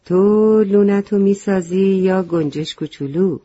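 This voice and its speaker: A woman voicing a wise old hoopoe bird who speaks calmly and in a measured way, in a storybook reading. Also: medium pitch, slightly rough, dry recording, close to an everyday voice. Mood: kind. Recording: slightly muffled lo-fi recording.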